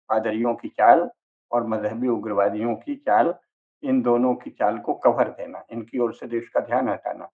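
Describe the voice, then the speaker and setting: A man giving a forceful, argumentative discourse full of rhetorical questions, speaking as the channel's regular speaker. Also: mid-range voice, breathy edge, phone-quality sound. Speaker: speaker on religion and politics. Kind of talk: forceful lecture-style discourse.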